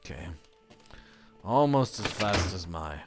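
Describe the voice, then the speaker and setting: A man's voice: sits low, animated, slow, music in the background. A man casually commenting on his own gameplay in a let's play, muttering and laid-back, now and then swearing.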